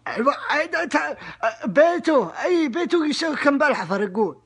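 On a prank call, a young man plays a furious father, bellowing stammering threats in an unusually high voice with a fairly bright tone. He is very animated and heavily acted, threatening at a moderate pace. The sound is close and direct, recorded on a phone held at arm's length in a small indoor room.

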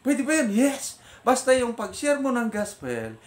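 An older man from the Philippines with a Filipino accent, a retired officer telling his faith story as a vlogger in animated storytelling that switches between Tagalog and English. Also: very high-pitched, unhurried. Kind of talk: casual spoken testimony. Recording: roomy echo.

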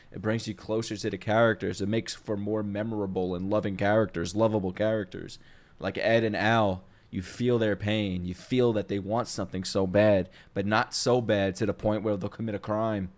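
A man's voice: on the low side, darkish tone. A young man hosting casual, unscripted reaction videos, talking in slangy, swear-filled language into a close mic. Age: young adult. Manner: profane, slangy. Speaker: host of anime reaction videos. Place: home living room with open kitchen. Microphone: close microphone on boom arm.

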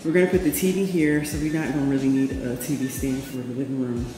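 Quick and with little movement in her pitch, a woman films herself on a handheld camera for a casual vlog, chatting upbeat as she tours her new, empty apartment indoors. She keeps dropping "boom" and "period," and the echoey bare room carries background music.

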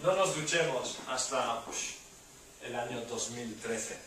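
A man's voice: medium pitch, slow pace, noisy background. A man teaching a university language class, drilling phrases with emphatic repetition and playful exclamations, recorded in a classroom from a distant camera. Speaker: Spanish teacher. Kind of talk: classroom lecture. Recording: very echoey classroom from far off.

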